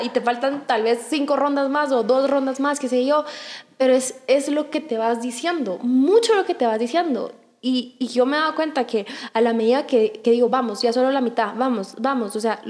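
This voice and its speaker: A young woman chatting casually, telling a personal story in an animated way with many restarts. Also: high-pitched. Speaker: podcast guest. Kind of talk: casual chat.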